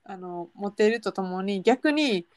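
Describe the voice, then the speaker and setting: A woman's voice: normal speed, dry recording, clean studio sound. A young woman with a Kansai accent, chatting casually as a podcast co-host and playing out quoted lines. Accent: Kansai Japanese. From Kansai, Japan. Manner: animated, acts out quoted lines in a high voice. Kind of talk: casual chat.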